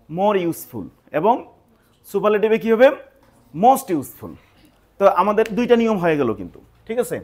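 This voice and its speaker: High-pitched guy going through grammar rules slowly, keeps asking if you got it. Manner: patient, repeats points with check-in questions. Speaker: English grammar teacher. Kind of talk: explaining grammar lesson.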